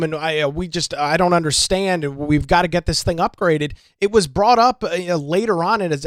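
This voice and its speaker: A man's voice: fairly high pitch, fairly bright tone, no echo. Sarcastic, emphatic man, dry close sound. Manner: sarcastic, emphatic, repeats points for effect. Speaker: local political commentary host. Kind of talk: opinionated solo commentary.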